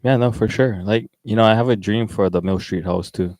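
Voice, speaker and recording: Deep-voiced laid-back island man. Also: a little fast, darkish tone, dry recording, rough recording. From Wai'anae, Hawaii. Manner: laid-back, laughs easily, stumbles and repeats words. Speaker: podcast host. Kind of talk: casual chat. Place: small studio room.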